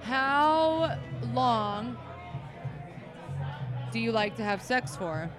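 A woman's voice: a little high, lively intonation, drawn-out words. A woman co-hosting a podcast, playfully asking strangers questions outdoors. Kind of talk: casual street chat. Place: outdoors on a busy city street. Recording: busy street with music and crowd. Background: music and crowd chatter.

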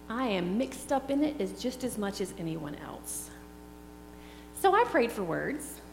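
A woman's voice: medium pitch, creaky. A middle-aged woman preaching a sermon in an earnest, reflective way. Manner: slow, earnest, reflective delivery. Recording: echoey hall with faint hum.

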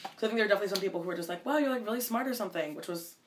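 Over a noisy background, a woman in her twenties, a Minnesota college student, answers interview questions at a medium pitch. Her speech is fast and casual, full of restarted sentences and the filler "like."

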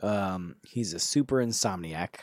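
A man hosting a casual podcast from his home, telling anecdotes with a lively, swinging pitch at a mid-range level. His manner is relaxed and storytelling, and the sound is dry and close. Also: measured pace, no echo. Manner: relaxed storyteller, animated delivery. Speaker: podcast host.

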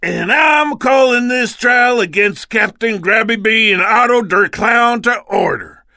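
A man voicing a blustering Old West saloon judge with an exaggerated frontier drawl, loud and bossy. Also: high voice, animated, unhurried, dry recording, clean studio sound, heavily acted. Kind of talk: cartoon voice acting.

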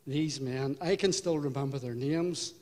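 An older man with a Belfast accent giving a personal testimony in church, unhurried and reflective, with halting restarts. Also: mid-range voice, darkish tone. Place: church hall. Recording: hall reverb.

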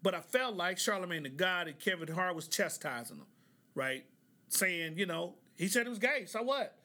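A man's voice: sits high, expressive, normal speed, bright, forceful tone. A man from Oklahoma hosting a podcast, talking casually and checking in with "right?" between points. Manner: conversational, frequent "right?" asides. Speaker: podcast host. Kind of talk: casual commentary.

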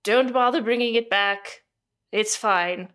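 A woman putting on a brusque, overworked astronomer who wants visitors gone. She is curt and dismissive, a little louder than her narrating voice, with an odd put-on accent. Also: medium pitch, slow, clear, resonant tone. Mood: impatient.

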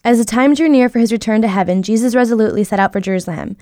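Woman, Bible reading, brisk even narration, mid pitch, dry close sound. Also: dry recording. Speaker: Bible reader.

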